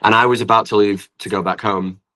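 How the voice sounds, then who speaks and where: A guest singer-songwriter and producer from Preston in northern England chats casually in an interview, his northern accent clear. His deep yet bright, forward voice stays fairly even and brisk, and he rambles informally, often saying "like." The recording quality is low.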